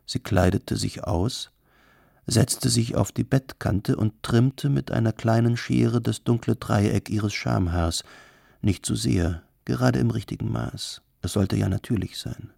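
Male audiobook narrator, calm and measured; low, creaky voice, dry booth sound. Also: no echo. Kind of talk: scripted narration.

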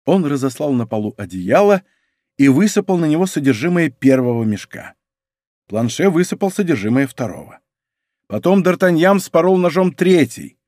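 Guy reading an old adventure novel, very animated, dry studio sound. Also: a little high, normal speed, no room sound. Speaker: audiobook narrator. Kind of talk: scripted literary narration.

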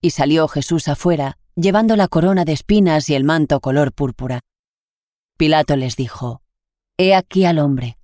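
A reader with a Spain Spanish accent reading the Gospel aloud in a steady, measured way. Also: medium pitch, dry recording, clean studio sound. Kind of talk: scripture reading.

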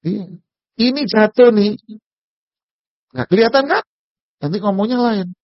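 A man's voice: high-pitched, unhurried, no echo, muffled recording. A man giving a casual, humorous religious lecture, joking with and speaking directly to his audience. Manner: jokey, talks straight to the audience. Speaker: Islamic preacher.

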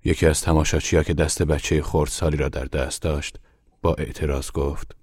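A man reading a literary short story aloud in a measured, even way. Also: rumbling low, breathy edge, dry recording, studio quality. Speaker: audiobook narrator. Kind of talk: scripted literary narration.

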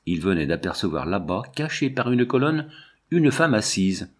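A man with a low voice narrates a classic novel aloud. His delivery is expressive, with pitch and loudness shifting from phrase to phrase. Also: moderate pace, slightly rough. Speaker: audiobook reader. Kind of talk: literary narration.

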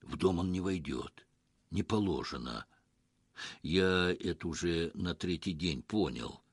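A man voicing a gruff, grumbling village man with a hoarse voice in an audiobook story. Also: sits low, a little slow, dry recording, clean studio sound. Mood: grim. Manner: grumbling, stern.

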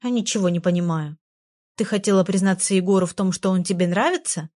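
A woman reading a storybook voicing a tiny girl fairy who is excitable, naive and chatters rapidly. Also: mid-range voice, lightly acted. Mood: puzzled. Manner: rapid chattering, easily startled.

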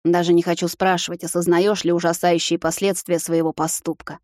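A woman's voice: lowish voice, flat delivery, a little fast, darkish tone, dry recording, clean studio sound, close to an everyday voice. A woman voicing a mocking, hostile male security officer who talks in a sneering, curt way.

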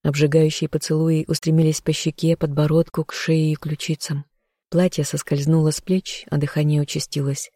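An audiobook narrator reading a first-person romance in an even, measured way on a close mic. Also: mid-range voice, husky, no room sound.

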